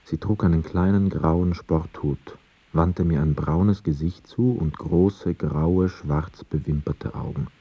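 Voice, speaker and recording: An actor narrating in first person as a young man back from war captivity, in a calm, reflective radio drama telling. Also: rumbling low, slow pace, husky, exaggerated voice. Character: male narrator Gabriel, a returned soldier. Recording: slightly dull radio studio recording.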